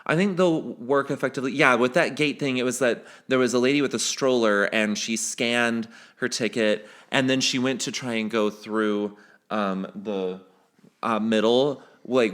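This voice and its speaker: A man's voice: medium pitch, a bit bright. A man co-hosting a podcast in casual chat, talking freely with restarts and frequent laughs. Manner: chatty, laughs often, rambling restarts. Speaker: podcast co-host.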